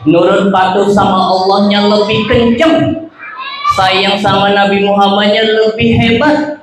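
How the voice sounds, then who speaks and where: A man telling stories to children at a live event, leading playful call-and-response, with sudden shouts and silly voices. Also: sits high, flat delivery, measured pace. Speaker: children's storyteller. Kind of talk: lively storytelling for children at an event. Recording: very echoey hall with background noise.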